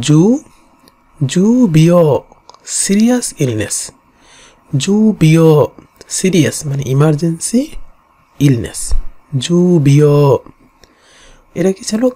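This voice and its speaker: A teacher explaining Japanese kanji in Bengali with a Bangladeshi accent, repeating each reading slowly and going through it stroke by stroke. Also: mid-range voice, expressive, mellow.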